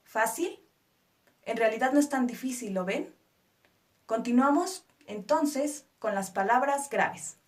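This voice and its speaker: Woman, teacher, unhurried and patient, slightly high voice, spells words out syllable by syllable. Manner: patient, stresses syllables one by one; reassuring rhetorical questions to viewers. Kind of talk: explanatory spoken lesson.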